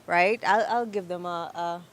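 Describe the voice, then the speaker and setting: A woman judging a cooking competition, giving a hesitant, softened critique. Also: on the low side, normal speed. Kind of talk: spoken critique.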